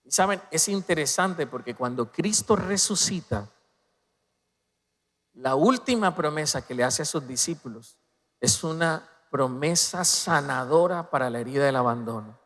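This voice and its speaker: A man preaching a sermon as pastor, swinging between loud emphatic peaks and soft, low passages. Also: expressive, unhurried. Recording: long reverb of a large hall.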